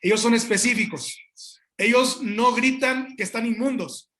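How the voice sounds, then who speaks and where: A man pastor preaching a sermon, emphatic and addressing the congregation directly, with halting restarts and asides. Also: very high-pitched, sharp tone.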